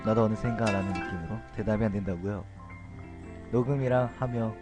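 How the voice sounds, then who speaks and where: A man streaming a horror game with comic commentary, grumbling and shouting at the game and chatting with viewers, over loud game music. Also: lowish voice, a little fast. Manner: excitable, yells and grumbles at the game, chats with viewers.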